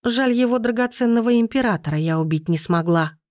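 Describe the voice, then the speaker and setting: A woman's voice: fairly high pitch, animated, brisk, a little mellow, dry recording, studio quality, close to an everyday voice. A woman voicing a cold, haughty young sorceress. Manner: cold and arrogant.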